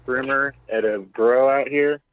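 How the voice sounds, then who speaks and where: Laid-back male caller over a dull phone line; relaxed delivery. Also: mid-range voice, a little slow, smooth. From Denver area, USA. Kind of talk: casual call-in chat.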